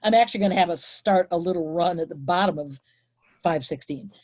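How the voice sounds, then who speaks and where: A woman leads a reading class in a chatty, rambling way. Her voice is husky and sits a little low. She apologizes and backtracks often. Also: darkish tone. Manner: chatty, quick apologies, many fillers. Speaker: literature teacher leading a reading group. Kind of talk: casual class discussion.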